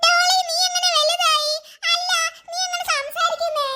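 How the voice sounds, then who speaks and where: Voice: very high-pitched, flat delivery, moderate pace, heavy background noise. A performer voicing a weepy, stubborn little girl in a cartoon, talking in a whiny, pleading way. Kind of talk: cartoon voice acting.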